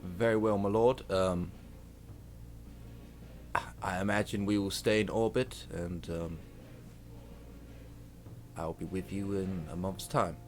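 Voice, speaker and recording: A man's voice: low-pitched, steady tone, takes it slowly, pauses often, darkish tone. Man playing a respectful, hesitant soldier over music. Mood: dutiful. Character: deferential armored soldier serving an inquisitor.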